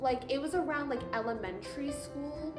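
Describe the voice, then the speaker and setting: A woman's voice: high voice, normal speed. An eighteen-year-old woman answering interview questions casually, with lots of "like" fillers. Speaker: interviewee with POTS. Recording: roomy sound with music underneath.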